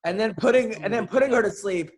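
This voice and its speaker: A man's voice: high-pitched, quick pace, darkish tone. A man on a podcast talking casually as an unsure new father who rambles while asking for parenting advice. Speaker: podcast co-host. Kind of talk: casual chat.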